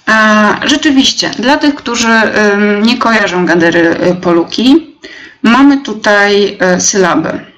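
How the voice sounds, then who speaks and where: A young woman teacher leading a live webinar, explaining step by step with many fillers and pauses. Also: mid-range voice, a bit bright. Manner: slow, hesitant, many fillers, reads out chat replies.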